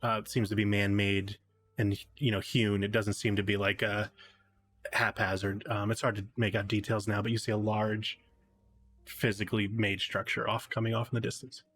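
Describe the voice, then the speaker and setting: A man narrating as game master of a tabletop game, halting with many fillers. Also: on the low side, level tone, a bit bright.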